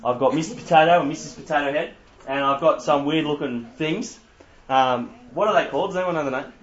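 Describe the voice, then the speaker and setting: A man's voice: fairly high pitch, a little fast. A young Australian man giving an interactive church talk, quizzing the audience with playful asides. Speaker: youth speaker. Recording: slightly muffled lo-fi recording.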